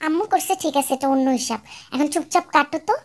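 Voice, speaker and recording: A woman's voice: sits high, fast talker. A woman doing a stern, lecturing young husband. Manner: scolding, lecturing. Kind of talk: fan-dub radio drama.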